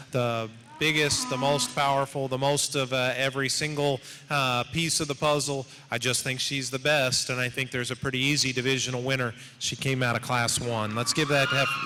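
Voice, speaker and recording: A man giving measured, explanatory spoken commentary to an audience as a livestock show judge. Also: medium pitch, pushed and bright. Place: large indoor show arena. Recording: echoing hall over PA, background noise.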